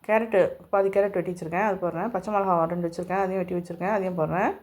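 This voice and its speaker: A woman's voice: lowish voice, steady tone, very fast, darkish tone. A woman, hosting a home cooking demonstration and explaining each step straight to her viewers. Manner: homely step-by-step instructions, speaking to viewers directly. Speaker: cooking channel host.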